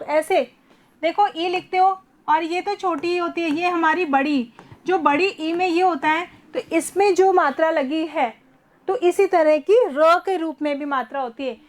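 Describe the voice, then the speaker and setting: A woman teaching a first-grade class online, patiently repeating words slowly for young children. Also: very high-pitched. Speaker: primary school teacher.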